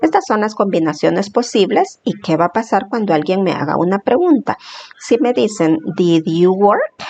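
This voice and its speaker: Woman teacher, patient step by step explaining, mid pitch. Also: sing-song, normal speed, a little mellow. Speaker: English teacher. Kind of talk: classroom lesson explanation.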